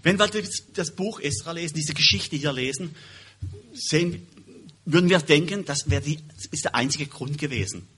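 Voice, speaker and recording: A man preaching a sermon and reading Bible verses aloud, stressing words loudly and then dropping quietly, often restarting words. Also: a little high, moderate pace, a little hiss or hum. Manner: emphatic, swings between loud stresses and quiet drops; self-correcting, restarts words.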